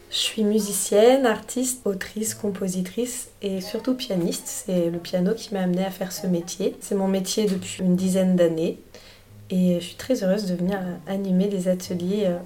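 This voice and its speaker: A woman musician answering interview questions in a calm, articulate, measured way. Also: medium pitch.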